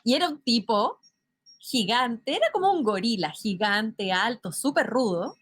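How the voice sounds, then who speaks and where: High-voiced Chilean woman radio host. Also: measured pace, slightly rough, no room sound. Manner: lively storyteller, animated retelling. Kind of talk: casual radio conversation.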